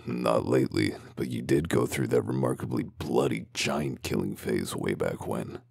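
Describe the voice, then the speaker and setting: A man playing a gruff, world-weary wolf detective in a comic dub, with gravelly voice and dry, sardonic, interrogating delivery. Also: rumbling low, moderate pace, darkish tone, no echo, heavily acted. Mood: sardonic, stern.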